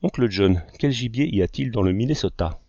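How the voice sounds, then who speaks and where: A man's voice: fairly low pitch, expressive, fairly quick, gravelly, dark tone, no room sound, dull audio. A man reading as a fussy young artist. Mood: protesting. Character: young male artist, talkative, fussy eater.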